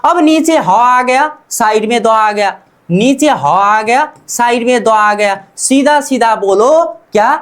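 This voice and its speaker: A teacher taking a beginner class through pronunciation at an unhurried pace. The voice sits at a middle pitch and keeps circling back with quick self-posed questions, repeating each sound several times so it sinks in. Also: expressive. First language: Hindi. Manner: slow and deliberate, drills by asking "what?" and answering itself. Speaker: Korean language teacher. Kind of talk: beginner language lesson.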